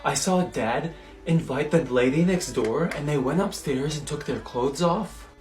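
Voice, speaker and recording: A man's voice: on the high side, measured pace, darkish tone, echoey room, recorded from a distance, faint music behind, lightly acted. A man voicing a young child eagerly telling his mother a secret. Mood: innocent.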